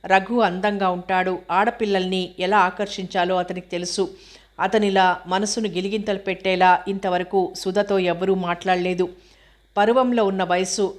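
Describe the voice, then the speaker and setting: A woman narrating an audio novel in a steady, measured reading voice. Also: medium pitch.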